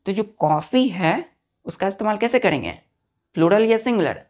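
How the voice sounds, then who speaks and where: A man's voice: sits high, expressive, normal speed, a little mellow. Man teaching grammar, spelling words aloud. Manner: spells words letter by letter and repeats "okay" often; asks and answers own questions, addressing students as children. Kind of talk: classroom grammar lesson.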